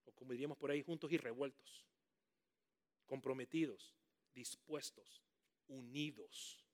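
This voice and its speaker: A man preaching a sermon, animated and calling on the congregation to repeat words after him, with jokey asides. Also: mid-range voice, unhurried. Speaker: pastor.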